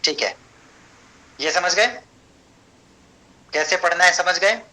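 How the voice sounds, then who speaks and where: A man teaching an online Sanskrit class, explaining step by step, checking understanding and chanting verses slowly. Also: high voice, pushed and bright, low-quality recording.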